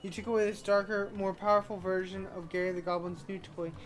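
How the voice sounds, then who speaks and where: A woman's voice: mid-range voice, steady tone, quick pace. A woman giving casual, candid, offhand commentary as she plays a game. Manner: candid, offhand, mild swearing. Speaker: gamer commenting on a playthrough. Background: game music.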